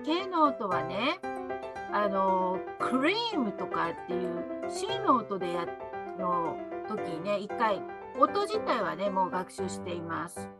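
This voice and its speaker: A woman teaching English pronunciation. She speaks slowly and chats between words, adding little tags as she explains, and draws out model words for the learner to repeat. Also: on the high side. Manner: chatty, adds little "ne" tags while explaining. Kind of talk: pronunciation lesson with repeat-after-me drills.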